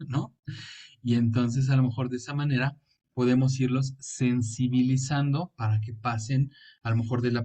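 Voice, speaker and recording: A psychologist explains grief and emotional support in a calm, steady way, often acting out small examples of what to say. His voice sounds mellow and a little dark. He sits some distance from the mic. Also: mid-range voice. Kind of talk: explanatory interview talk.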